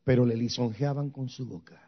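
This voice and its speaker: A man's voice: mid-range voice, fairly even intonation, moderate pace, highs cut off, a little hiss or hum. A man preaching a sermon, speaking emphatically and straight to the congregation, slipping into English phrases now and then. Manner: emphatic, addresses the congregation directly. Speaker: pastor.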